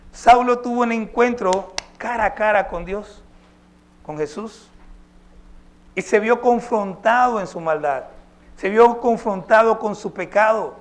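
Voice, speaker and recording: A man's voice: high voice, slight background noise. A male pastor preaching a sermon, emphatic and posing rhetorical questions to his congregation.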